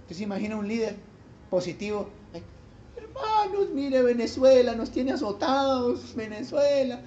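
A man's voice: very high voice, lively intonation, moderate pace, warm tone, slight background noise. A man preaching a sermon as pastor, emphatic and quizzing the congregation with rhetorical questions. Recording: dull live church recording with faint ambience.

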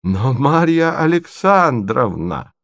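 A man voicing a hot-tempered young gentleman, jilted and indignant, with drawn-out shouted outbursts in a storybook reading. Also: mid-range voice, vocal fry, no room sound, lightly acted.

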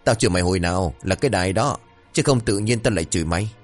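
A man's voice: low-pitched, soft background music. A man voicing a cheeky young village rascal who rattles off insults and blithely denies everything. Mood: breezy denial. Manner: brash and mocking, rapid-fire insults. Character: cheeky brash village boy, shameless liar.

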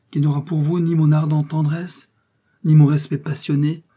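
A man's voice: medium pitch, warm tone, slightly rough, close to an everyday voice. A man voicing a wealthy young nobleman in an audiobook, ardent and bitter in his pleading. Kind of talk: audiobook character reading.

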